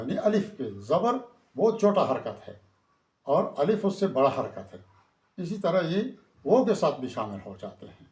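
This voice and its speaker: Man slowly teaching letter sounds, echoey room. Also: mid-range voice, darkish tone. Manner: repeats each letter slowly, then explains; writes on a board while explaining. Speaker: Quran reading teacher. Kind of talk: step-by-step letter pronunciation lesson. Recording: roomy echo.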